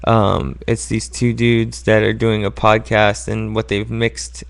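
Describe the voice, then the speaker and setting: A man's voice: fairly low pitch, level tone, slow pace, vocal fry. A man co-hosting a podcast in casual chat, wisecracking and laughing easily. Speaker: podcast co-host.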